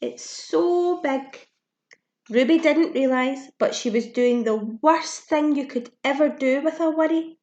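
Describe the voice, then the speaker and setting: A woman with a high, unhurried voice reads a children's storybook aloud the way a teacher would, keeping it simple and expressive, gasping audibly and tossing questions and asides to her young listeners. The lo-fi recording has an echoey room sound.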